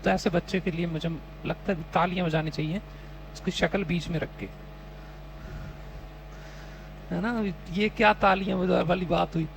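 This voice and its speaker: High, gravelly-voiced teasing coaching man. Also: steady tone, brisk, slight background noise, poor audio. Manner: teasing, mock-scolding, quizzes the class. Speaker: test-prep teacher. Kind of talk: classroom coaching lecture.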